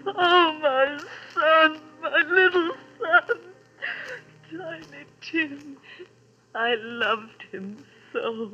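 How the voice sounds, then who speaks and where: An actress playing a grief-stricken mother who speaks softly and tearfully in an old radio drama. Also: sits high, slow pace, pauses often, lo-fi sound. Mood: mourning. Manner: tearful, soft.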